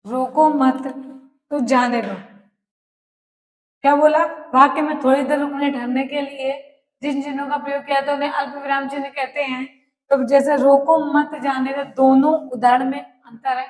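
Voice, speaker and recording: A woman teacher giving a grammar lesson. She repeats phrases slowly for students to write down, and she asks questions and then answers them herself. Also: high-pitched, level tone, a little mellow. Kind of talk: classroom grammar lesson, dictating notes. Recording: echoey room with long reverb.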